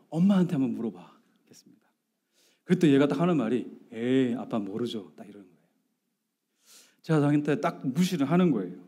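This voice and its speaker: A middle-aged male pastor with a slightly high, warm voice preaches a sermon built around a family story. He acts out the dialogue, asks the congregation questions, and rises to emphatic outbursts.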